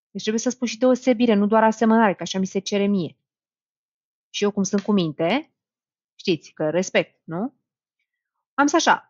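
A lively woman teacher leads an exam-prep lesson, questioning her students and reasoning out loud as she works. Her voice sits at a medium pitch for a woman. The recording is dry and slightly muffled. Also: dry recording. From Romania. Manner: lively, talks to students directly, thinks aloud. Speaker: Romanian language teacher.

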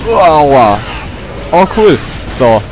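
A man's voice: a little high, big pitch swings, very slow, music in the background. Grumbling, yelping game-commentary guy. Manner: frustrated, grumbling and cursing at the game; loud yelps and outbursts when hit. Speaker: let's player. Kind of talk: gaming commentary.

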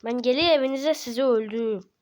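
A woman hosting a gaming channel, giving excited gameplay commentary, slangy and playful as she cheers on and taunts her teammates. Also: high voice, quick pace.

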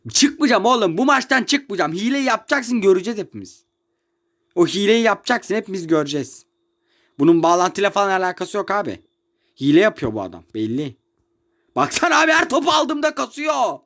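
A high-voiced young man records himself at home while playing a football game on his phone. He rants in exasperation, one moment yelling and the next muttering under his breath, over a close phone mic. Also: expressive, fairly quick. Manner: exasperated ranting, swings between shouting and muttering. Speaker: mobile football gamer. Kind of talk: live gameplay commentary. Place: room at home.

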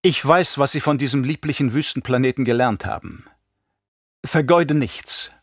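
A man's voice: mid-range voice, moderate pace, dry recording, clean studio sound, pitched above the performer's own voice, lightly acted. A man reading an audiobook and voicing a sly, mocking assassin advisor who taunts his master. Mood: taunting. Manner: smug, taunting.

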